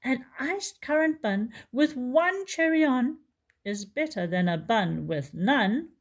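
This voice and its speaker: A woman's voice: sits high, animated, slow, exaggerated voice. A woman voicing a polite, patient male bear who pleads and sighs in a storybook reading. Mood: resigned. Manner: plaintive, pleading, sighing.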